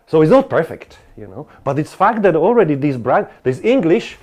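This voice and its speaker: A man's voice: a little high, darkish tone. Man giving a lecture. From Slovakia. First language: Slovak. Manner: discursive, many restarts and asides to the audience. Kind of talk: academic lecture.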